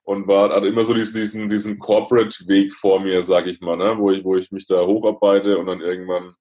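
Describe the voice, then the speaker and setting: A man, a podcast guest speaking reflectively, with pauses and restarts. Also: sits low, little pitch movement, darkish tone. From Franconia, Germany. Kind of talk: podcast interview.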